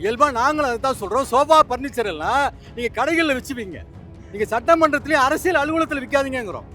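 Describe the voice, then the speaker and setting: Man, political commentator, indignant, rhetorical, very high voice, fast. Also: lively intonation, bright, forceful tone, soft background music. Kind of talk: argumentative commentary.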